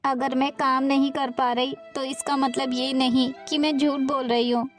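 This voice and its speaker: A meek, mistreated young daughter-in-law, played by a woman who pleads timidly. Her voice is high and pleading, with faint music in the background. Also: flat delivery, normal speed, lightly acted.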